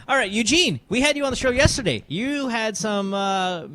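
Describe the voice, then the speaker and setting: A man's voice: high-pitched, animated, moderate pace, pushed and bright. A man from the Philippines hosting a radio show with casual banter and a blunt way of talking. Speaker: radio host.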